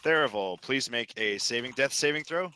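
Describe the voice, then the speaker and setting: A man's voice: mid-range voice, lively intonation, moderate pace, noisy background. A man running a tabletop game as dungeon master, giving dry rulings and often laughing.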